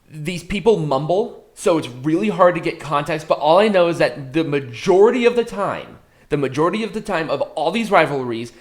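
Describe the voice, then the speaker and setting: Higher-voiced man, casual and crude. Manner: rambling, crude slang, swears freely. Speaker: podcast co-host explaining a clip. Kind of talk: casual chat and reaction commentary.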